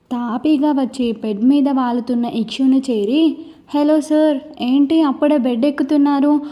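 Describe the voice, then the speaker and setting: A woman narrates a romantic audio story with a high, mellow voice. She reads every part herself without changing her voice. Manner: reads all parts in her own voice.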